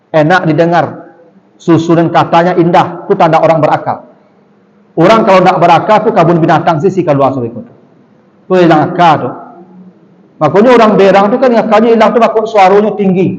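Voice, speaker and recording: A male Islamic preacher, giving a lively, rhetorical sermon that speaks directly to the congregation. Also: sits high. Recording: dull, long-reverb hall sound.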